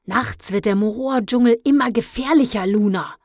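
A woman voicing a gruff, bossy male jungle creature who snaps curtly, in a children's storybook reading. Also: a little high, normal speed, a little mellow, no room sound, clean studio sound, pitched above the performer's own voice. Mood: snapping. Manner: snapping, curt, urgent.

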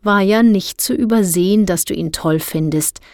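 A woman voicing a snippy, self-righteous teenage girl in an audiobook, lecturing in a low voice. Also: lively intonation, unhurried, a little mellow, no echo, studio quality. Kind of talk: audiobook character voice.

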